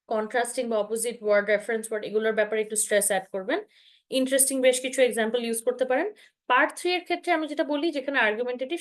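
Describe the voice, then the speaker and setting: Higher-voiced Bangladeshi woman instructor. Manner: explanatory, checks in with 'হ্যাঁ?', mixes English terms into Bangla. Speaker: IELTS instructor. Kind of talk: online masterclass teaching.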